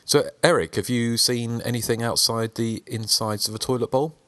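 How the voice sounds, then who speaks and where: A man hosting a podcast, prompting his co-hosts in a brisk, wry way. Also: medium pitch, fairly even intonation, a bit bright. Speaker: podcast host. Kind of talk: hosting casual chat.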